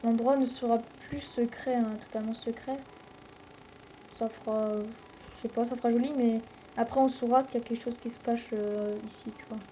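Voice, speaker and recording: Une jeune femme à l'français commente sa partie de jeu vidéo sur un ton décontracté et bavard, avec beaucoup d'hésitations. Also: female voice, on the high side, fairly even intonation, normal speed, mellow, slight background noise, poor audio. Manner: rambling, chatty, many fillers. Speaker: let's play host. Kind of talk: casual gameplay commentary.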